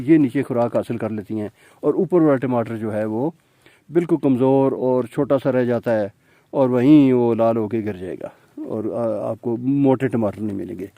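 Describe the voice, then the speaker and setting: A man's voice: mid-range voice, dark tone, no echo. A man giving a casual gardening tutorial among tomato plants, explaining patiently with many fillers as he points things out. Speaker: home gardening presenter.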